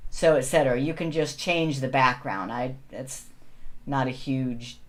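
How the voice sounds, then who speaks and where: Low-voiced, unhurried woman co-hosting a video call. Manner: thinks aloud, self-correcting. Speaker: co-host. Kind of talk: casual webinar chat. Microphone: video call mic.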